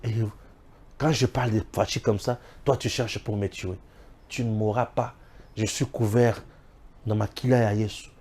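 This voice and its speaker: A man from Congo giving impassioned political commentary, preachy and emphatic, swinging between loud exclamations and low asides. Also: steady tone, moderate pace, husky. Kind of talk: impassioned political talk mixing French and Lingala.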